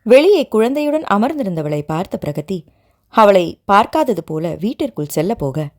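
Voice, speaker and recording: A woman's voice: mid-range voice, normal speed. Woman narrating an audio novel. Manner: steady storytelling reading. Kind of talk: scripted narration.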